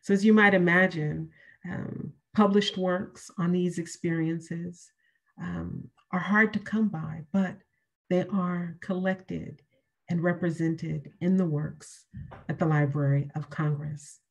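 A middle-aged woman with a husky, slightly low voice delivers a prepared keynote lecture. She speaks in a measured way, leaning on repeated key phrases for emphasis. She is heard through a webcam on a video call from a room at home. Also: highs cut off.

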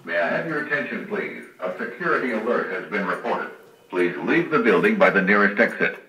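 A man calmly repeating a recorded security alert, heard over a building intercom. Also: on the low side. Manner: calm, measured, repetitive. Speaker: building announcement. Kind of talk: recorded looping alarm announcement. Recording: echoey loudspeaker heard from far off.

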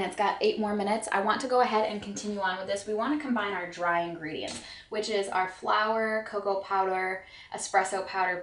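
A young woman talking through a recipe in her home kitchen, chatty and thinking aloud as she cooks. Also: medium pitch. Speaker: homestead cooking vlogger. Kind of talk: casual cooking tutorial. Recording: echoey kitchen.

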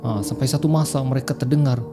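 A man's voice: medium pitch, steady tone, quick pace, music in the background. A man telling horror stories in a chatty podcast style, often calling his listeners "guys". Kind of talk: casual horror storytelling.

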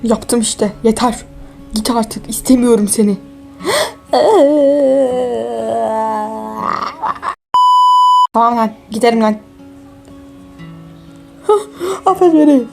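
A woman's voice: on the high side, a little slow, pauses often, over music, lightly acted. Woman playing a weeping soap-opera lover. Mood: melodramatic. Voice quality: tearful and overwrought.

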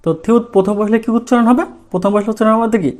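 A man's voice: high-pitched, steady tone, very fast, a little mellow. A male language teacher giving a lesson, asking questions and answering them himself. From Bangladesh. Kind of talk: lesson in Bengali.

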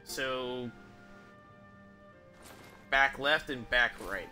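A man in his thirties with a medium-pitched, pushed and bright voice speaks extremely slowly. He's streaming from a home setup indoors, thinking aloud with casual, sweary game commentary while game music plays in the background.

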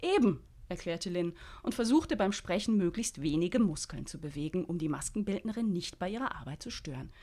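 Lively woman reading her crime novel. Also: fairly low pitch, fairly quick, few pauses. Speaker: crime author.

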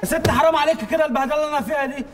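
A man's voice: extremely high pitch, very fast. A man with an Egyptian accent, a taxi driver caught in a hidden camera prank, complaining and pleading with exasperation. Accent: Egyptian Arabic. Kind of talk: exasperated street talk. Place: inside a car. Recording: noisy, reverberant hidden camera audio.

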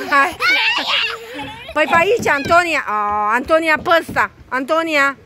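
A woman's voice: high-pitched, lively intonation, shouting, background noise. A young mother at an outdoor playground, coaxing and cheering on her children, switching between two languages.

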